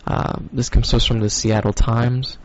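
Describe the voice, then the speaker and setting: A man's voice: mid-range voice, little pitch movement, normal speed, dull audio. A man hosting a casual stoner podcast, talking in a loose, rambling, profane way with lots of fillers. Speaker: podcast host.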